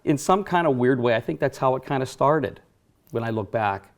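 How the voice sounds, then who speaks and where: Here the western Pennsylvania racing announcer, a middle-aged man from the Johnstown area, sounds mid-range and expressive at a moderate pace. He's a guest reminiscing in casual studio talk, with fillers and self-corrections along the way.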